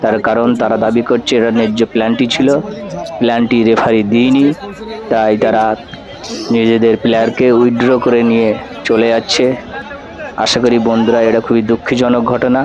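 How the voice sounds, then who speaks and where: Guy from doing live football commentary, pretty steady tone, repeats himself, outside with crowd noise. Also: medium pitch, brisk, highs cut off. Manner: repeats phrases for emphasis. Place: outdoors at a local football ground. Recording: outdoor field with crowd noise. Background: spectator crowd.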